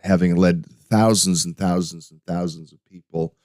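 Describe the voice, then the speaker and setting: Middle-aged man, low voice, dry close sound, hesitant podcast host with frequent restarts. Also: steady tone, normal speed, darkish tone, dry recording. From United States. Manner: hesitant, many restarts and fillers. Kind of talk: casual solo podcast with slides.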